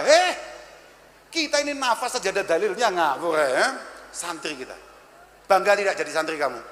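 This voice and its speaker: A man's voice: sits high, pushed and bright, a little hiss or hum. A man in his thirties with a Javanese accent, preaching a humorous sermon to a live crowd, blunt and teasing, mixing Arabic recitation with jokes. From Java, Indonesia. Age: 30s. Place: large event hall. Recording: echoey hall with long reverb, faint crowd ambience.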